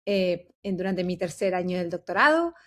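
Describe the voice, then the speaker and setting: A woman's voice: fairly low pitch, animated, moderate pace, fairly bright tone. Woman from Argentina explaining her research. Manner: earnest, explanatory, with fillers. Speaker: panel guest, doctoral researcher. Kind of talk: panel talk.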